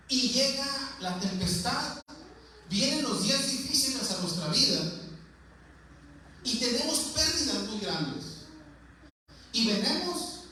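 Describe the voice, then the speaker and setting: A man's voice: extremely high pitch, pushed and bright. A man preaching a sermon in a church, talking earnestly and conversationally and repeating phrases for emphasis. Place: church sanctuary. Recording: very echoey church room, voice picked up from a distance, faint ambient noise.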